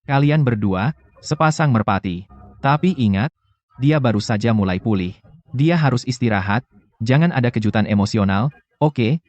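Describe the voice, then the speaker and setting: Man playing a calm doctor. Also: medium pitch, normal speed, long pauses, dry recording, highs cut off, lightly acted. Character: calm male hospital doctor, matter-of-fact. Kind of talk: dubbed TV drama.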